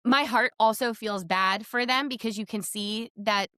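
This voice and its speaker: A woman hosts a casual podcast chat in a slightly high, bright, forceful voice at normal speed. She's chatty and emphatic, often dropping "like" into her talk. The recording is studio quality with no echo.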